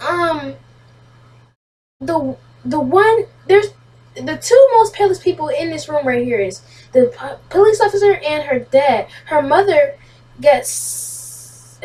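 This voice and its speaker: A woman's voice: very high voice, distant mic. A woman chatting casually as she reacts to a video, stammering and repeating words, with slangy asides.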